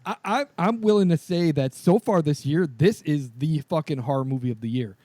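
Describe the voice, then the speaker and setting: Male podcast co-host, slightly raised pitch, dry mic, excitable and profane. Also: brisk, no room sound. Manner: excited, swears a lot, laughs often. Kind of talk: casual movie discussion.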